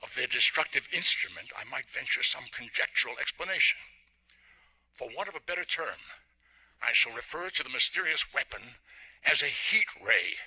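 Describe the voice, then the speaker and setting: An actor playing a solemn scientist in a 1930s radio drama, pedantic and deliberate, with a raspy voice. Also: male voice, medium pitch, expressive, sharp tone, heavily acted, rough recording. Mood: solemn, pondering.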